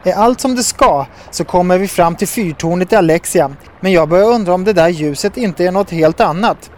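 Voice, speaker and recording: A man's voice: sits high, natural voice. A man voicing a cheerful, decisive young woman who can fly, in a storybook reading. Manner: bright and decisive.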